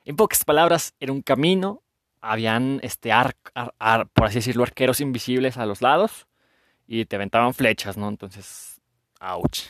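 A man's voice: mid-range voice, moderate pace, fairly bright tone, dry recording, studio quality. A man with a Mexican accent hosting a podcast as a casual, joking monologue full of slang and swearing. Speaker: podcast host.

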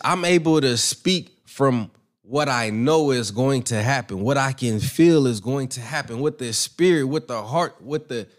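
A brash young man hosting a boxing commentary channel, giving his opinions in a rambling, profane, self-assured way. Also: a little high. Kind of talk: casual opinion monologue.

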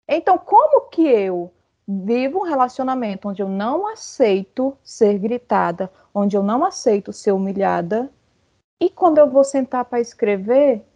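Writer lady, jokey and full of rhetorical questions, kinda high voice, muffled lo-fi audio. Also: mellow. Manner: playful, rhetorical, joking. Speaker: writer on a panel. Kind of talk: casual panel discussion.

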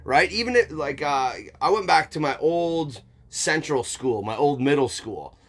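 A man's voice: a little high, animated, unhurried, a bit bright. A man chatting casually and reflectively as a podcast host, informal and emphatic, with some swearing and frequent checks for agreement. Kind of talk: casual philosophical chat.

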